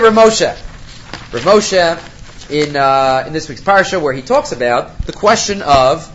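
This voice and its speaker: Animated man teaching Torah, slightly high-pitched. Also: lo-fi sound, slight background noise. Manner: emphatic, asks and answers his own questions; mixes Hebrew quotations into English. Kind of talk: religious lecture on scripture commentary.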